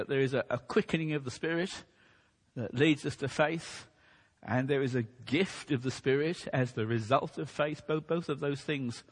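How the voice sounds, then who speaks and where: A man preaching a sermon in a measured teaching manner, losing his voice a bit. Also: medium pitch, husky. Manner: measured teaching delivery, occasional restarts. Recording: long hall reverb.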